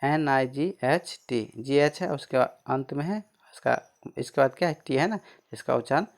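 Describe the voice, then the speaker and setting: A man's voice: medium pitch, vocal fry. A man teaching a pronunciation lesson. He spells each word letter by letter, asks questions and answers them himself. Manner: spells words letter by letter, then repeats them slowly.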